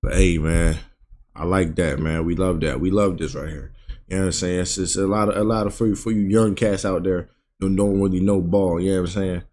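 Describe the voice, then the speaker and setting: A man's voice: deep voice, fairly even intonation, brisk, a little mellow, a little hiss or hum. A man hosting a reaction video, signing off to viewers in loose slangy talk and repeating himself. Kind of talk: casual outro to viewers.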